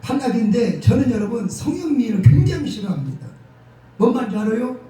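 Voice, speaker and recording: A middle-aged pastor from the region, preaching a humorous, folksy sermon sudden loud bursts. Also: male voice, extremely high pitch, big pitch swings, fast. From Jeolla, South Korea. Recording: echoey hall, distant mic, faint noise.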